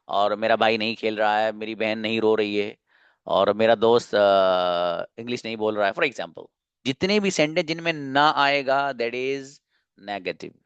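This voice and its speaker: Male teacher, mid-pitched, dry close sound; patient classroom explainer who answers his own questions. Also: a bit bright, smooth, no room sound. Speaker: English teacher. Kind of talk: classroom lesson.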